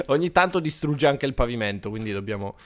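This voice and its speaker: A man hosting a gaming video, commentating excitably on gameplay, boasting, teasing his opponent and shouting sound effects. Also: mid-range voice, moderate pace.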